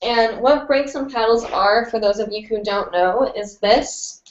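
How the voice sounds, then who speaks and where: On a live stream, a young woman fields viewers' questions about hooping, rambling casually and using lots of fillers. Her voice is stuffy and nasal with a fairly high pitch, her delivery is unhurried, and the highs are cut off.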